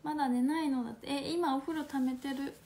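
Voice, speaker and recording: A woman in her twenties from Fukuoka with a Hakata accent, chatting playfully on a phone livestream at home, laughing often and slipping into soft asides. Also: sits high, fairly even intonation, a little fast. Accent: Hakata dialect. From Fukuoka, Japan. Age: 20s. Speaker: livestream host. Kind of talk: casual livestream chat reading viewer comments.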